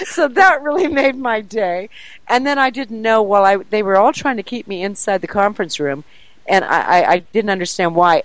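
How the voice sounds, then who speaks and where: A woman who organizes paranormal events, telling an excited story in an interview, animated and laughing often. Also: fairly low pitch, no echo, rough recording.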